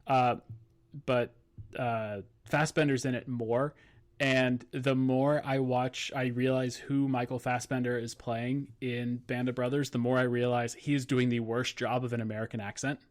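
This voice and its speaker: A man co-hosting a podcast in casual chat, wry and relaxed, with plenty of fillers. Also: mid-range voice, normal speed. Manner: relaxed, wry, lots of likes and ums. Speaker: podcast co-host.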